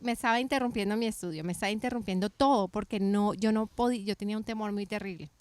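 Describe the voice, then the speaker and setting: A middle-aged woman from Colombia, telling her story in a casual faith podcast chat, animated and often restarting her sentences. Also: mid-range voice, fast, no room sound. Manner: animated storytelling with many restarts and self-corrections.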